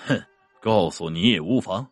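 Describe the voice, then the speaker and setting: A man voicing a cold, stern male ghost general from the underworld who speaks slowly and gravely. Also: fairly low pitch, sing-song, faint music behind, voice pushed down. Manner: slow, grave and commanding.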